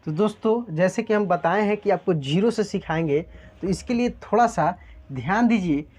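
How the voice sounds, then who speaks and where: A man's voice: sits high, normal speed, darkish tone. A man teaching a spelling lesson, patiently breaking words into sounds step by step. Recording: dull lo-fi sound.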